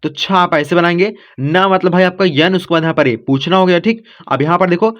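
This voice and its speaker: A man's voice: high-pitched, brisk, fairly bright tone. A man giving a casual spoken lesson to children, reassuring and repetitive, often checking with "okay". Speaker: teacher.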